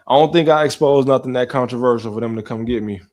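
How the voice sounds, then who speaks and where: A young man in his twenties, hosting a casual live stream, talking slangy and relaxed while answering chat and talking to his dog. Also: mid-range voice, quick pace. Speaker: livestream host.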